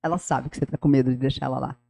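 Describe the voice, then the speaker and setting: A middle-aged former school director tells animated stories in a podcast interview, addressing the listener directly. Her voice is very deep and creaky, and she talks in a rapid-fire way.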